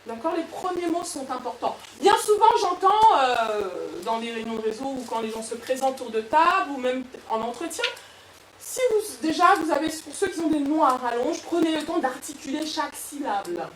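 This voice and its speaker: A woman coach giving a lively motivational workshop talk to an audience, with frequent restarts. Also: high voice, normal speed, slight background noise. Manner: lively, animated, with many restarts. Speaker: personal development coach. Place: event room with an audience. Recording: echoey room, far from mic.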